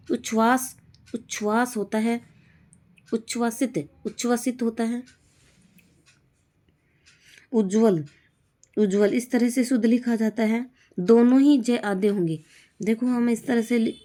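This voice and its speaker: A woman teaching Hindi spelling for an exam, slowly drilling each word as wrong or correct, over and over. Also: fairly high pitch, mellow. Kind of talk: exam-prep spelling lesson.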